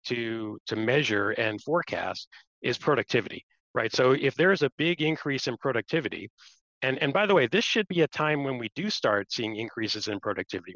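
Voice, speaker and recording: A man's voice: medium pitch, a bit bright. A man giving unscripted, explanatory market commentary as an investment strategist on a panel. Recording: roomy, slightly muffled livestream audio.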